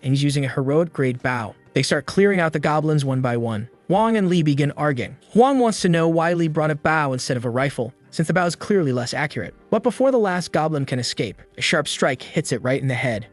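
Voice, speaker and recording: Higher-voiced man narrating a story recap. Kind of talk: scripted narration.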